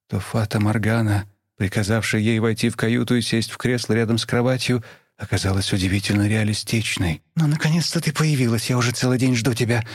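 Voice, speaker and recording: A man reading a novel aloud as the narrator, at a measured, even pace and close to the microphone. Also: lowish voice, dry recording. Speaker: audiobook narrator. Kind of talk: scripted narration.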